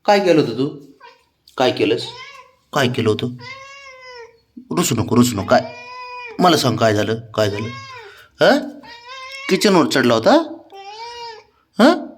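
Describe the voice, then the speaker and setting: A man talking to his pet cat in coaxing baby talk, soothing and pleading, with his voice swooping up high on questions. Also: very animated, a little slow, pauses often, slight background noise.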